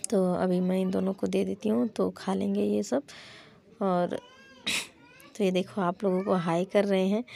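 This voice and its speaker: A woman's voice: medium pitch, gravelly, mellow. A young mother chatting plainly through her cooking vlog at home, often starting lines with "to" as a filler. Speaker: mother vlogging her household day. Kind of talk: casual cooking vlog narration. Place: small home kitchen.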